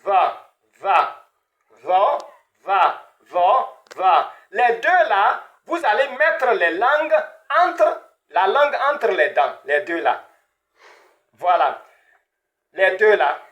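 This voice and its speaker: Male language teacher, high voice, slow and patient, repeats sounds for beginners. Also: very animated, a bit bright, dull audio. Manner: repetitive, drills sounds with frequent "hein?" and "voilà". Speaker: Arabic teacher. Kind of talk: beginner pronunciation lesson.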